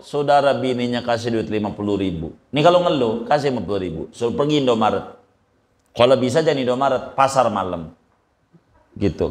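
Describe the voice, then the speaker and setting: A man giving a casual, joking religious lecture, acting out little dialogues as he teaches. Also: mid-range voice. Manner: chatty, joking, acts out dialogues. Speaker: Islamic preacher.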